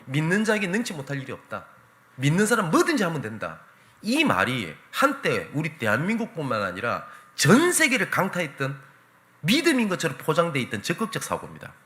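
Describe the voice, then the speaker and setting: A pastor preaching a Sunday sermon in an animated, emphatic storytelling manner. His voice is bright and forceful, and his pitch swings widely from phrase to phrase. He speaks from a church sanctuary.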